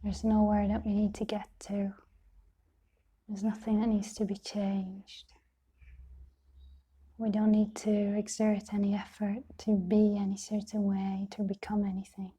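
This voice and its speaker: In a medium-pitched, half-whispered voice that's soft and breathy, a woman leads a guided meditation as its teacher. Her delivery is completely flat, yet gentle and calming, with brief phrases and lengthy silences between them.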